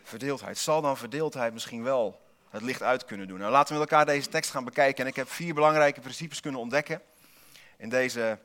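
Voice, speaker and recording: A man's voice: medium pitch, a little fast, fairly bright tone. A man preaching a sermon in a church, posing rhetorical questions and repeating single key words for emphasis, with dry asides to the congregation.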